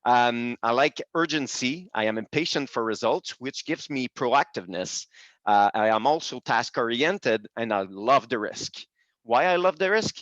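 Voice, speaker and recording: In a mid-range voice with a fairly bright tone and lively intonation, a French-speaking webinar host from Quebec, Canada, presents in English with a Quebec French accent. Hesitant in this second language, he pauses and restarts often. The audio, from a video call, is dull and dry with no echo.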